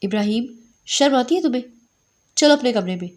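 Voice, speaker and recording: A woman's voice: fairly high pitch, lively intonation, warm tone. A woman voicing a serious, strict middle-aged aunt. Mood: stern. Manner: serious and stern.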